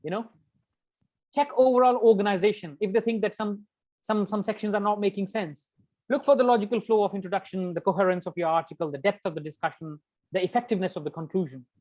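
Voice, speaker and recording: A male lecturer runs an interactive academic writing workshop, speaking emphatically, repeating key words and dropping in conversational asides. His voice is high-pitched and a little mellow, and he moves at a quick pace.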